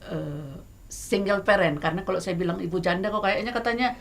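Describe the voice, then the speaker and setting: Gravelly-voiced Indonesian woman guest. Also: lowish voice, brisk. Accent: Indonesian, Batak. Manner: hesitant with many fillers, grows lively and emphatic. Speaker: guest songwriter. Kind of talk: casual talk show chat.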